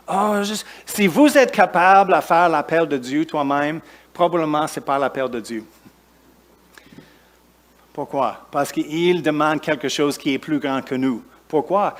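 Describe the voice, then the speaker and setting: Pastor preaching in halting French. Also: male voice, on the high side. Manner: preaches with halting restarts, rising emphatic lists and quieter asides. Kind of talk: sermon.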